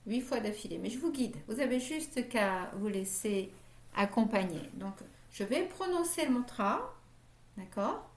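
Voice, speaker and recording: A woman leading a guided yoga meditation class, talking gently and checking in often with her students. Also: fairly high pitch, expressive, unhurried. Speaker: yoga teacher. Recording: echoey room.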